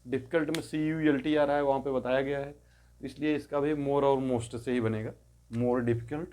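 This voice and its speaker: A man's voice: medium pitch, steady tone, darkish tone. Patient man teaching English grammar. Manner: patient, repeats each word form slowly; explains in Hindi, says English word forms aloud. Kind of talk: step-by-step grammar lesson.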